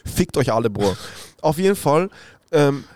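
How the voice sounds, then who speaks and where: A man's voice: fairly high pitch, big pitch swings, unhurried, darkish tone, no room sound. A young man, a podcast guest telling a story in casual, slangy chat, saying "bro" constantly and mixing in English words.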